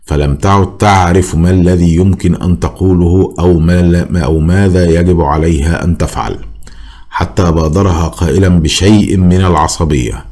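A man narrating a novel as an audiobook with a measured, dramatic reading. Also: low voice, fairly even intonation, darkish tone.

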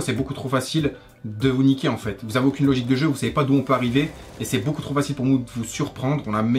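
A man, ranting casually as a gaming YouTuber in sweary street slang. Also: mid-range voice. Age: 20s. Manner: French street slang, swearing, familiar address. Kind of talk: casual rant to camera over gameplay. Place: small bedroom, indoors. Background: faint music.

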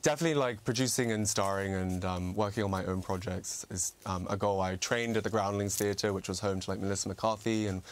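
A man's voice: on the low side, brisk, few pauses. A young man of half English, half American background, a comic impersonator, chatting upbeat and bubbly in an interview, laughing often.

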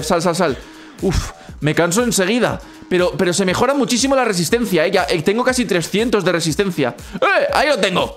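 Brief: playful young man, excited game commentary, repeats words in bursts. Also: fairly high pitch. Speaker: gaming youtuber.

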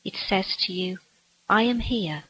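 A woman guiding a relaxation meditation in a soft, breathy voice that sometimes drops to a whisper. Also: medium pitch, unhurried, rough recording. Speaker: meditation guide.

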